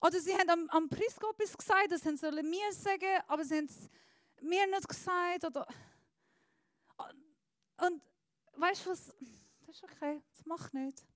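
A woman with a high, bright voice preaches a sermon, speaking slowly and deliberately with pauses. She swings from hushed, soft phrases to loud, emphatic appeals. The handheld microphone sounds close and dry. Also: no echo.

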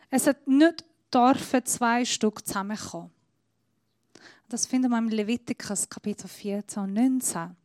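A woman's voice: high voice, no echo, clean studio sound. A woman from Iran, preaching a sermon in with many grammar slips, explaining as she shows props.

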